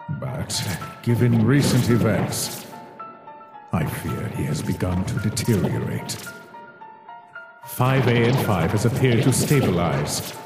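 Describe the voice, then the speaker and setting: In a dramatic comic dub, a man with a mid-range voice plays a cold, condescending monster scientist obsessed with his work, speaking formally and deliberately. Echoey hall reverb surrounds him, with music in the background.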